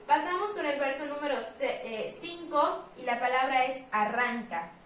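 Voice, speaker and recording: A woman teaching, patiently explaining at a board, saying example words slowly and repeating them. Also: sits high, animated, fairly bright tone, a little hiss or hum. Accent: Mexican Spanish. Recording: echoey room, voice from a distance.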